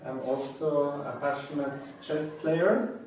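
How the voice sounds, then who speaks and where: A man in his thirties from Norway, giving a prepared talk to a live audience in a calm, methodical way with pauses. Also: a little high, a little hiss or hum. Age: 30s. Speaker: speaker presenting his company. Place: meeting room with a live audience. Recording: echoey room, mic at a distance.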